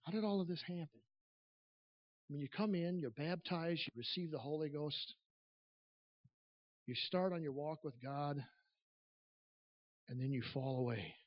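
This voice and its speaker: A man preaching a church sermon at a pulpit microphone, earnest and emphatic, speaking in halting phrases that swell and drop in volume. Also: fairly high pitch. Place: large church room. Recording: echoey church PA, slightly dull.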